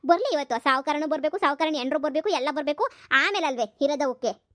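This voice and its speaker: A woman voicing a loud, combative village mother in a cartoon comedy, scolding rapidly. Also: high voice, no echo, studio quality. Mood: furious. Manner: shouting accusations, rapid scolding.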